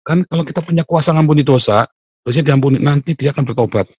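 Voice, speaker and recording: A male pastor, preaching a lively morning devotional sermon, loudly acting out quotes and laughing often. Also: fairly high pitch, fast, breathy edge, dry recording, highs cut off.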